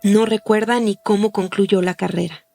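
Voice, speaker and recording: A woman hosting a podcast, reading a scripted documentary narration in a measured, explanatory way. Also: mid-range voice, fairly even intonation, creaky, dark tone. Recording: faint music behind the voice.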